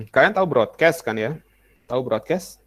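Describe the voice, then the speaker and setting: A man's voice: medium pitch, expressive, unhurried, fairly bright tone, no room sound. A young adult male teacher giving a casual classroom lesson, chatty and full of examples, often acting out short student messages.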